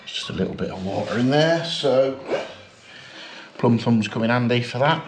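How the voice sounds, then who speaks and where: A man's voice: mid-range voice, animated, moderate pace, background noise. A man, a plumber chatting and explaining as he works, a little self-mocking. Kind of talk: work vlog narration. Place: living room in a house, indoors.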